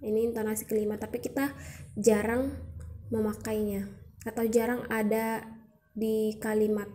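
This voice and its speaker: A woman's voice: a little high, little pitch movement, normal speed, mellow. A young woman presenting a student educational video, explaining patiently step by step and demonstrating sounds aloud.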